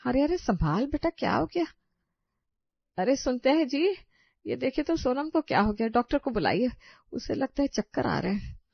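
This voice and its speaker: A woman voicing a kind older mother-in-law who scolds fondly and calls out loudly in a cartoon. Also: high voice, expressive, normal speed, vocal fry, no room sound, dull audio, pitched above the performer's own voice, heavily acted. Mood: fussing caring.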